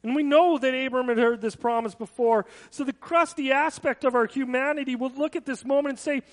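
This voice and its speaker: A man delivers a sermon in an earnest, conversational manner, often turning to personal asides. His voice sits very high for a man. The sound carries a long reverb, as in a large hall. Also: steady tone, brisk. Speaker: pastor.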